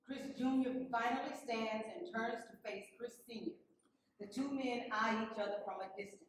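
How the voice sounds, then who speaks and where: A woman's voice: on the high side, fairly even intonation, normal speed. A woman reading stage directions as scripted narration for a play. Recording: very echoey room, distant mic, faint noise.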